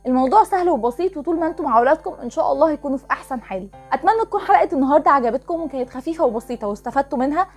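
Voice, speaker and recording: An Egyptian woman with a high voice talks quickly as she teaches parents how children learn to read. She explains each step with care and drags out single letter sounds to show how they blend. Soft music plays behind her. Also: animated. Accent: Egyptian Arabic. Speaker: channel host teaching phonics to parents. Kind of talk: instructional talk to parents.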